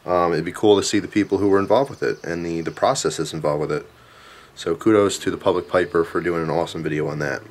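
A man in his thirties reviews pipe tobacco in a casual, chatty way, his low voice halting and thoughtful. He pauses between short phrases.

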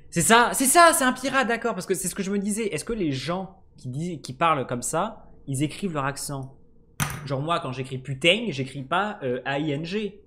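A man giving casual let's-play commentary, swearing freely and swinging between low mutters and sudden excited shouts. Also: moderate pace. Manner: swears casually, jokey asides. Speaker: gaming streamer.

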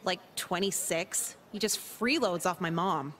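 An actress voicing an apathetic, sarcastic teenage girl in a video game, deadpan and crude. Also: lowish voice, a little slow.

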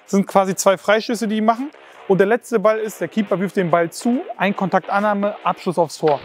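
A man's voice: high-pitched, steady tone, fairly quick, soft background music. A man in his thirties hosting and judging a football challenge show, explaining the rules energetically into a handheld mic in a large indoor football hall. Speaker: host and jury member. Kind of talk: presenting a football challenge format.

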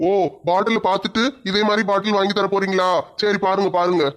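A woman's voice: mid-range voice, little pitch movement, a little fast, voice pushed down, lightly acted. A woman playing a drunk, boastful male thief who bullies his wife in a comedy skit. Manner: bullying, slurring threats.

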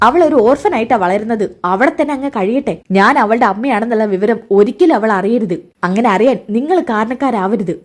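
A scornful young woman snaps her retorts in a raised, quick voice, as a woman storyteller puts her on. She sounds cold and impatient. The voice sits high, and the lines tumble out fast. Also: lightly acted. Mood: angry.

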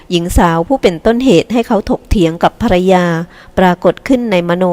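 A woman narrating a novel audiobook in a soft, even storytelling voice. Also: mid-range voice. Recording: long hall reverb.

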